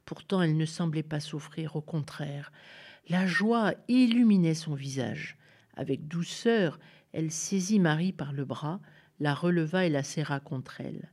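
A woman reading a children's story aloud in a gentle, expressive way. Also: deep voice, a little slow.

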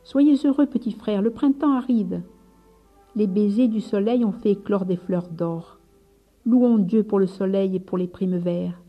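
A woman's voice: medium pitch, a little slow, dull audio, soft background music, natural voice. A woman doing an earnest, fervent friar. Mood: joyful. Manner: earnest, rising with emphatic urgency. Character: fervent gentle male friar leader.

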